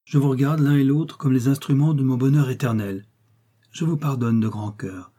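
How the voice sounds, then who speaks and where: A man voicing a pale, gentle, forgiving dying noblewoman, lifting his voice higher and softer. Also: normal speed, slightly rough, close to an everyday voice. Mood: pleading, tender. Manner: tender, raised pitch for a woman.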